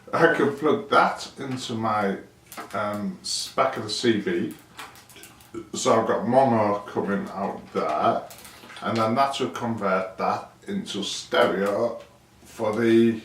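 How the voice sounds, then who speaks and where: Explaining his project hands-on, a DIY vlogger speaks casually without a script, in a fairly bright, lowish male voice. He rambles and thinks out loud, asking himself questions, on a roomy, noisy recording from a distant mic with clicks.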